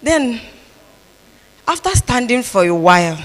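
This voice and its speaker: A woman pastor gives a conference talk, telling humorous stories and repeating phrases for emphasis. Her voice is a little high, very animated and unhurried, with the long reverb of a large hall.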